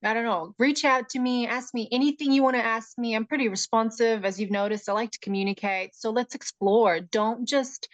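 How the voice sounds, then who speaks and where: A woman born in Russia and raised in Montreal, talking as a neuroscientist guest in a casual podcast interview, animated and quick to laugh. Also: a little high, no echo, lo-fi sound. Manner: animated, laughs often, chatty with fillers.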